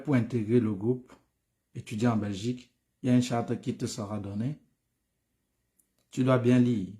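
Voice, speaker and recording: A tired man advises viewers on studying abroad during a live stream, talking familiarly, addressing them by name and repeating himself. His voice is fairly low with a dark tone.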